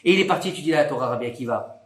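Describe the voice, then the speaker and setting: Animated rabbi telling a story. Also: male voice, rapid-fire, roomy sound. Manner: animated, acts out dialogue with big pitch swings. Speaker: rabbi teaching a Torah class. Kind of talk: lively storytelling Torah lesson.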